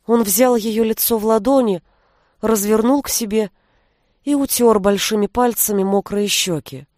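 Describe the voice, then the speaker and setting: A woman reading an audiobook aloud in an even, measured storytelling manner. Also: mid-range voice, no room sound, clean studio sound. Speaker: narrator. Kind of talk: audiobook narration.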